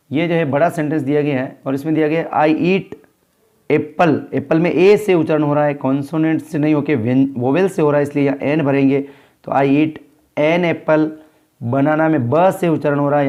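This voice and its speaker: A man from India teaching an English workbook lesson, reading sentences slowly and explaining them in Hindi. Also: a little high, warm tone.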